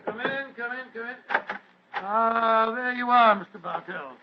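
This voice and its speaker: An actor playing a kindly, bumbling elderly English doctor, speaking hesitantly in 1940s radio drama style with a British accent. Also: male voice, very high voice, unhurried, noisy background. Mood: jovial, flustered. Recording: muffled old radio broadcast.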